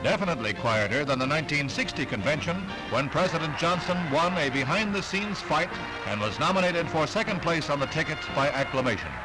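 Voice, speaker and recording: Male old-newsreel announcer, slightly high voice, formal delivery, music bed underneath. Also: lively intonation, a little fast, few pauses, low-quality recording. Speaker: newsreel narrator. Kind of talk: 1960s newsreel narration. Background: music under the narration.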